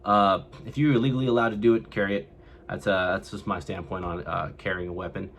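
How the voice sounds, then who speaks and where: Animated young man telling a story. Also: low voice, fairly quick, vocal fry. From California, USA. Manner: animated retelling, acting out what others said. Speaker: vlogger. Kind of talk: casual storytelling to camera.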